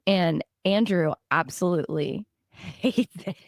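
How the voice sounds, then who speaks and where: Gravelly-voiced woman in her thirties, chatty. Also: on the low side, slow pace, no room sound, studio quality. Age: 30s. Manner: animated, laughs often. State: strained voice. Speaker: podcast co-host. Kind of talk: casual chat.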